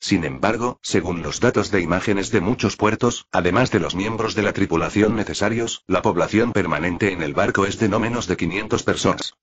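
A man's voice: sits low, slightly rough, highs cut off. A man reading a deferential android servant. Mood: formal. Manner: measured, deferential briefing. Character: loyal male machine servant, armored android.

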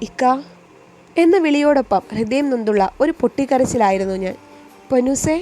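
Earnest woman narrating a story. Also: on the high side. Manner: earnest and reflective. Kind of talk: first-person story narration. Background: soft music.

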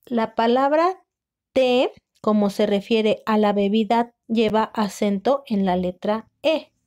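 Lady teacher doing dictation for little kids, super slow, breaks words into syllables, kinda high voice. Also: darkish tone. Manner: syllable by syllable, with long pauses. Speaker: first-grade teacher. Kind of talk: slow sentence dictation for children.

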